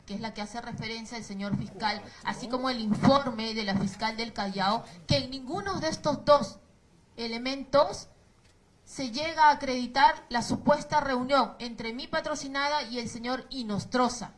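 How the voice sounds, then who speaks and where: A Peruvian woman lawyer pressing her case in a formal hearing, counting off her points and hammering them home. Her voice sits a little high for a woman. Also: normal speed, poor audio. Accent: Peruvian Spanish. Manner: insistent, enumerating points. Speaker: defense lawyer. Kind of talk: formal courtroom argument.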